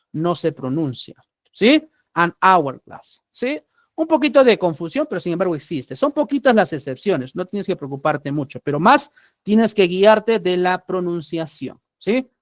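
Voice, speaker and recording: A high-voiced man from Peru takes learners through a grammar lesson. He is patient, checks in often and repeats example words slowly. His voice sits close and dry on the mic, with no room around it. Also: dry recording. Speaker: English teacher.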